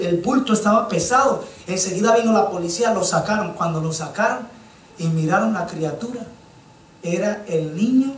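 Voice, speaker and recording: High-voiced preacher in an echoey church. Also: male voice, slight background noise. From Colombia. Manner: impassioned storytelling, keeps addressing listeners as brother. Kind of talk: sermon. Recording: echoey church sound from a distant mic.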